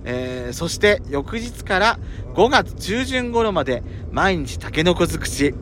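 A man hosts a casual letter-reading show in a camp, auntie-like, teasing manner. His voice sits on the high side and moves in lively swoops. Faint road noise from the moving car runs behind him. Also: a little slow. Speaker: podcast host reading listener letters. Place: inside a car being driven. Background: road and engine noise.

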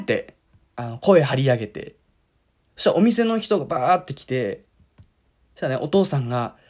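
A young man telling a funny anecdote in a casual, wry way on a talk app, acting out the people he quotes. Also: a little high. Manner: animated, wry storyteller who acts out the people he quotes.

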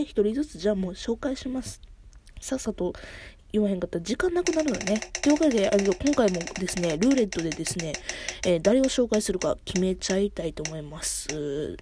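A woman's voice: on the high side, mellow, husky. A middle-aged woman with a Kansai accent, hosting a casual solo podcast and rambling as she corrects herself. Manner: rambling, self-correcting, chatty. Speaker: podcast host.

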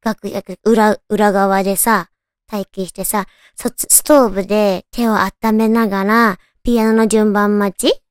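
A woman with a naturally cute, girlish anime-style voice hosts a casual solo radio chat, talking to her listeners in a cutesy, animated way. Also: medium pitch, unhurried, clear, resonant tone, no room sound, clean studio sound. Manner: cutesy, animated, addressing listeners with soft questions. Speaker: radio show host.

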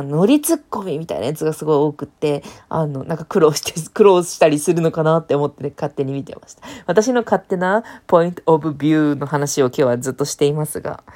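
A woman's voice: lowish voice, mellow. A woman hosting a casual solo podcast, rambling about TV dramas with many fillers, thinking aloud. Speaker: podcast host.

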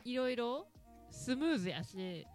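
Woman, Ehime Japanese accent, casual talk host, animated swinging voice, somewhat high, laughs a lot, soft music underneath. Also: unhurried. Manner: laughs often, chatty and teasing. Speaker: podcast host talking with her daughter. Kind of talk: casual talk radio chat.

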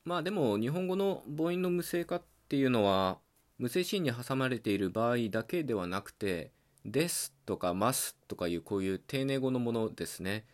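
A man hosting a podcast, explaining language points in a calm, patient, teacherly solo talk, often pausing on a filler between ideas. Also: medium pitch. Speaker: podcast host.

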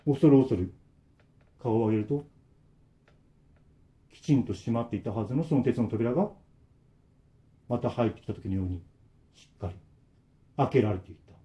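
A man's voice: mid-range voice, moderate pace, long pauses, dull audio. A man narrating a ghost story dramatically, acting out sound effects as he goes.

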